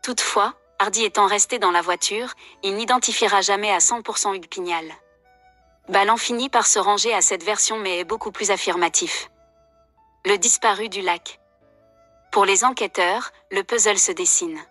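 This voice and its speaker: A woman delivering scripted true crime narration in a measured, journalistic storytelling manner. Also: medium pitch, bright, forceful tone, dry recording, soft background music.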